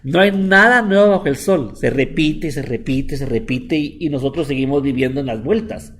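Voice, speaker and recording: A middle-aged man acting as a rabbi leads a relaxed, informal Bible lesson in Spanish, dropping in English words. His medium-pitched voice moves at a moderate pace, and his talk is chatty and repetitive.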